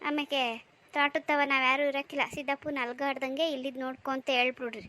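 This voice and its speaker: A woman's voice: high voice, flat delivery, fast, pushed and bright. A snappy, scolding village mother. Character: sharp-tongued young village mother, strict.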